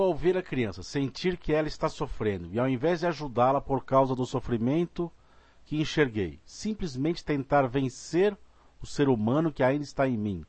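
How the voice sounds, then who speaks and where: A man hosting a discussion, reading questions aloud in a polite, deliberate way. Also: medium pitch, a little mellow, dry recording. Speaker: host relaying audience questions.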